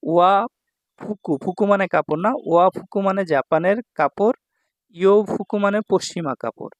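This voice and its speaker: Male language teacher, patient and explanatory, a bit high-pitched, dead dry sound. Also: normal speed, dry recording. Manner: explains patiently, checks in with "ঠিক আছে ভাই?". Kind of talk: vocabulary lesson explanation.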